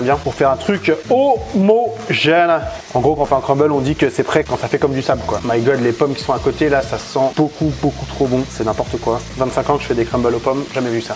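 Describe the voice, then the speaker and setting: A man's voice: medium pitch, slight background noise. A man hosting a casual cooking tutorial in a home kitchen, playful, jokey and chatty. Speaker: cooking vlogger.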